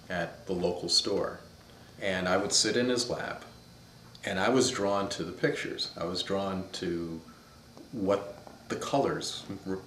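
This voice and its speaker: A man in his fifties from upstate New York, USA, reminisces about his childhood in an interview, his deep, slightly bright voice set against slight background noise in an echoey room. He tells his stories thoughtfully, searching for words as he goes.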